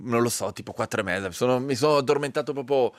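A man's voice: mid-range voice, fast talker, a little hiss or hum. A man hosting a casual morning radio show, joking about himself and laughing often. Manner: jokey, self-mocking, laughs often. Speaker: radio host.

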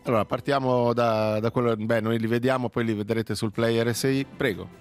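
A man's voice: medium pitch, fairly even intonation, fairly quick. A man with a Swiss Italian accent co-hosting a radio interview, asking casual questions and often repeating his words. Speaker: radio co-host. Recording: music playing behind the voice.

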